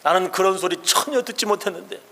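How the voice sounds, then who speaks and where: A man voicing a blind male beggar who cries out loudly and urgently. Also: high voice, fast talker, creaky, long reverb tail, exaggerated voice. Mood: alarmed. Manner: loud, urgent crying out.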